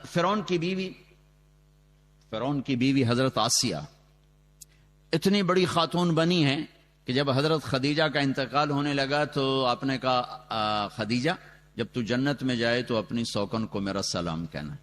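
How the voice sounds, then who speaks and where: A man preaching a sermon and telling the story dramatically, his voice rising loudly, with Quranic Arabic chanted slowly. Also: mid-range voice, a little hiss or hum. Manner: dramatic storytelling with sudden loud rises and quick asides. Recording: long reverb from a large hall, on a loudspeaker.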